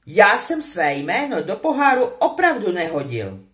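A woman's voice: mid-range voice, very animated, lightly acted. A woman voicing a frustrated, defensive teenage boy wizard in a storybook reading, speaking up with insistence. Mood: insistent.

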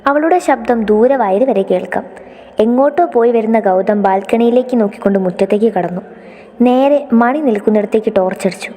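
A woman narrating a story in an expressive, scripted way. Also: fairly high pitch, a little fast. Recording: long reverb.

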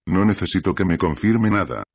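A man voicing a gruff, scornful older pirate priest in an audiobook reading. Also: low voice, expressive, a little fast, dry recording, muffled recording, heavily acted. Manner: scornful, blustering.

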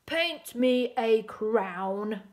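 A woman voicing a harsh, greedy male emperor in a read-aloud storybook, barking slow, loud commands. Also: fairly high pitch, expressive. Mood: commanding.

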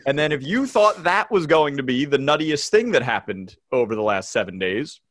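A man's voice: mid-range voice, expressive, normal speed, a bit bright, no echo. A man co-hosting a podcast from a small home studio room, bantering in a teasing, mock-outraged way. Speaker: podcast co-host. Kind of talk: casual chat.

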